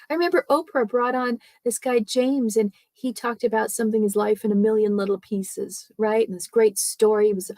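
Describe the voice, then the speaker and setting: A woman speaking coach giving a live training talk, speaking softly and chattily with many fillers and tag questions like "right?" and "okay?". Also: on the high side, dry recording.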